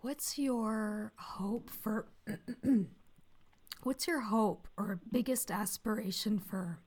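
A woman interviewer asking a question softly and hesitantly, off the mic. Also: mid-range voice. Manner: soft, slow, hesitant questioning.

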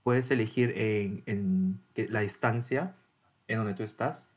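A woman co-hosting a casual chat who explains things calmly and plainly. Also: extremely low pitch, takes it slowly.

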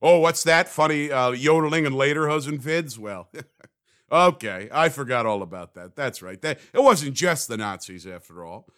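A man's voice: mid-range voice, expressive, moderate pace, a bit bright. A man hosting a comedic solo podcast, talking in a sarcastic, rambling, self-mocking way. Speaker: podcast host.

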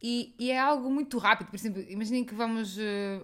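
Young woman, European Portuguese accent, podcast co-host, rapid chatty delivery, joking, fairly high voice. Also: fairly bright tone. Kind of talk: casual chat.

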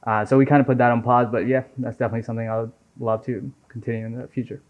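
Heard through dull lo-fi audio, a Nepali man in his twenties appears as a software engineer guest in an interview. He speaks very fast at medium pitch, keeping things relaxed and sprinkling his sentences with "right?" and "man."

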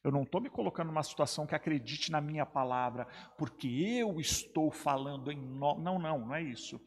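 A man's voice: a little high, fast talker, breathy edge, in a large hall. A man, a pastor, speaking emphatically in a discussion and repeating his key phrases to drive them home. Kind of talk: preaching in a two-man discussion.

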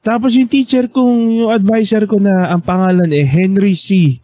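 A man's voice: sits high, fairly even intonation, normal speed, warm tone, no echo. A man, telling school stories in a casual chat and animatedly voicing the people he quotes.

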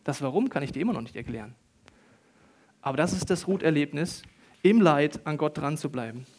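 A middle-aged male pastor preaching a sermon, swinging between hushed, intimate tones and loud, excited bursts. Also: a little high, brisk, slight background noise.

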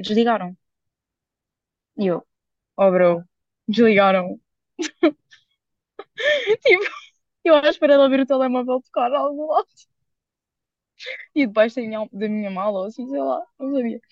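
A young woman with a European Portuguese accent tells a story at a breakneck pace, thick with fillers and slang. Her voice sits a little high and comes through dry and slightly dull, close to the mic. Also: lively intonation, fairly quick, long pauses, no echo. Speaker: podcast co-host. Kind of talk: casual chat.

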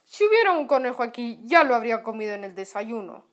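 A woman's voice: a little high, sing-song, fast talker, lo-fi sound. A woman voicing a hungry, greedy male fox in a storybook reading, smug and gloating.

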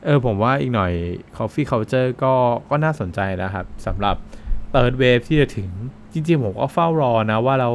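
A man's voice: mid-range voice, animated, a little slow, a little hiss or hum. Chatty man on a casual podcast. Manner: chatty, laughs often, polite particles. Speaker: podcast co-host explaining coffee.

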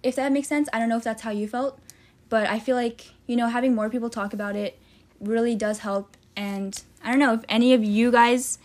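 A woman's voice: a little high, fairly even intonation, fairly quick, a little mellow. A young woman co-hosting a podcast in casual chat, rambling with many fillers and frequent giggles. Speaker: podcast co-host.

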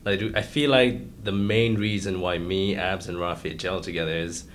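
A young man chatting casually on a podcast, relaxed, with many fillers and laughs. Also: sits low, moderate pace, a little hiss or hum. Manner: relaxed, filler-heavy, laughs mid-sentence. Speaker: podcast co-host. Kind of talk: casual chat.

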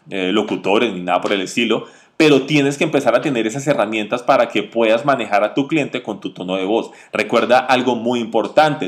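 A man coaching salespeople in an instructional episode, emphatic and repetitive, swinging between loud and soft delivery. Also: mid-range voice.

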